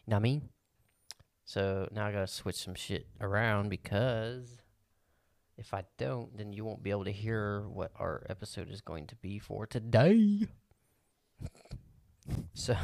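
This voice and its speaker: A man's voice: on the low side, darkish tone, no room sound, clean studio sound. A man from the Midwest co-hosting a podcast, talking in a laid-back, joking and slangy way. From American Midwest. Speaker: podcast co-host. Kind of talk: casual podcast chat.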